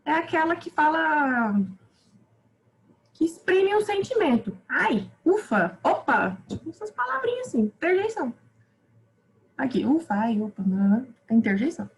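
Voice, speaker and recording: A woman teacher with a Brazilian Portuguese accent, giving a quick, informal grammar review with lots of self-interruptions. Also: sits high, big pitch swings, darkish tone, a little hiss or hum, poor audio. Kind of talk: online grammar review lesson.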